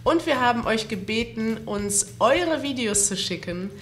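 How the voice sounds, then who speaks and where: A woman's voice: a little high, animated, measured pace, slight background noise. A woman hosting a language-learning channel, speaking to her viewers in an earnest, heartfelt way about being moved. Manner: earnest, emotional, reflective. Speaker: host.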